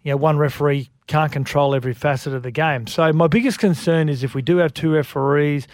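An Australian man giving opinionated sports talk as a rugby league pundit, thinking aloud in a halting way. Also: on the high side, steady tone, no room sound, studio quality.

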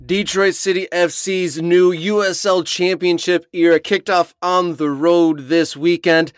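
A man with a slightly high, clean voice hosts a sports podcast. He talks conversationally with hesitant phrasing. The sound is close and dry, recorded inside a little closet under the stairs. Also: fairly even intonation, measured pace, clear, resonant tone, no room sound. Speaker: podcast host.

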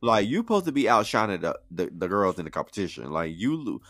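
A man's voice: on the low side, big pitch swings, fast talker, fairly bright tone, no room sound, studio quality. A man co-hosting a casual chat, talking in emphatic, slangy drag-scene phrases. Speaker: podcast co-host.

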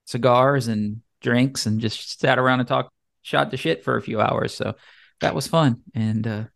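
A man's voice: mid-range voice, vocal fry, no echo, studio quality. A man hosting a podcast in an easygoing, casual chat with his co-host.

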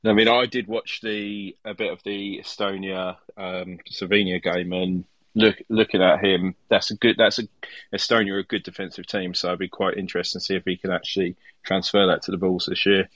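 Deep-voiced man, podcast guest. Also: little pitch movement, brisk, fairly bright tone, no echo, dull audio. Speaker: podcast guest, basketball coach. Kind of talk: casual sports chat.

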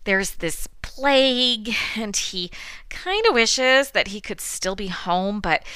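A woman's voice: medium pitch, lively intonation, slow, sharp tone, clear, resonant tone, dry recording. A middle-aged woman hosting a classics podcast, giving a scripted lecture with wry, dry asides. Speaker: podcast host teaching classics.

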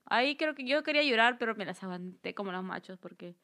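A young woman with a slightly high voice tells embarrassing stories on a podcast. She is animated and keeps breaking into laughter as she tells them. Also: fast. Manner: animated storyteller, laughs through her stories. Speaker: podcast co-host. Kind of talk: casual chat.

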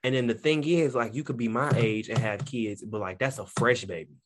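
Animated slangy podcast co-host, man. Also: mid-range voice, a little fast, noisy background. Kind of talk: casual chat.

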